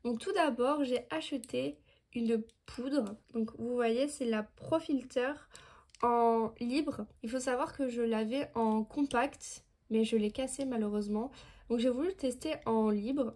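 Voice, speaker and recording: A woman's voice: fairly high pitch, measured pace, darkish tone. Chatty young woman beauty vlogger. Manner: chatty, explains each product with many "donc". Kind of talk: casual haul video.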